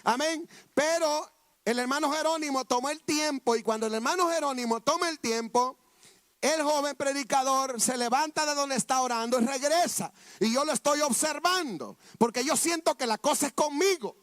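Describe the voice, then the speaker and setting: A man's voice: very high voice, moderate pace, fairly bright tone, no room sound, studio quality. A man preaching a sermon testimony, fervent and repetitive, often calling out to his listeners as brothers.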